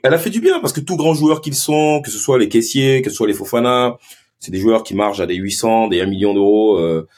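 A man with a Marseille accent, a former pro footballer, telling stories in a lively, animated way during a casual podcast interview. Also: lowish voice, fairly quick. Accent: Marseille French. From Ivory Coast and Marseille. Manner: animated, lively storytelling with many restarts. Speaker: guest, former pro footballer turned sports marketing agency head.

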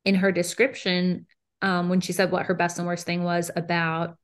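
A young woman co-hosting a podcast in casual chat, animated, with lots of "like" and "um". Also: lowish voice, moderate pace, smooth. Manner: animated, frequent "like" and "um", laughs between lines. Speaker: podcast co-host.

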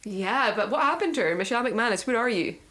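A woman's voice: a little high, lively intonation, fast talker, fairly bright tone. A woman in casual, teasing podcast banter. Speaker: podcast guest or co-host. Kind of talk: casual chat.

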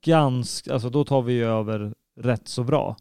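A man's voice: medium pitch, darkish tone, clean tone, no room sound, clean studio sound. A man co-hosting a football podcast in easygoing casual chat. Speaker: podcast co-host.

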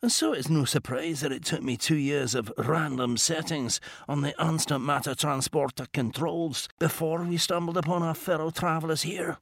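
A man voicing a calm, precise inventor who speaks in a measured, quiet and faintly reproachful way. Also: on the high side, creaky, no echo, studio quality.

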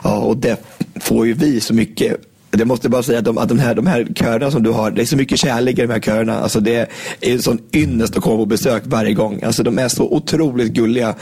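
Gravelly man chatting eagerly. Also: medium pitch, darkish tone. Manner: enthusiastic, teasing, quick to praise. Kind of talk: casual chat.

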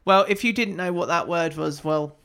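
A podcast host in casual chat, playful and quick to ask questions. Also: medium pitch, a bit bright, clean tone.

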